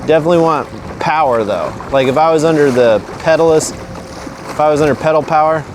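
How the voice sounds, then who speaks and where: A man's voice: fairly high pitch, fast. A man hosting a fishing vlog, chatting informally to viewers outdoors from a kayak on windy open water. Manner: informal, addresses viewers as guys. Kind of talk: casual talk to camera from a kayak.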